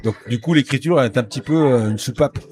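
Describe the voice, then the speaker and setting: A man's voice: mid-range voice, quick pace, darkish tone. A man conducting a casual radio interview.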